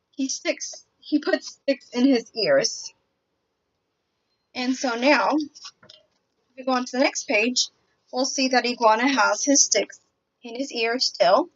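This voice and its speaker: A woman giving a picture book summary in a hesitant, halting way, often pausing mid-sentence. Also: on the high side. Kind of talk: semi-scripted picture book summary presentation. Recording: dull, lo-fi audio.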